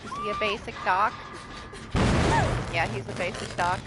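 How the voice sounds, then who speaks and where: A woman's voice: medium pitch, fairly even intonation, normal speed, loud music behind the voice. A young woman live streaming a game, chatting casually, laughing often and swearing freely. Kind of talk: casual gameplay commentary. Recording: background noise.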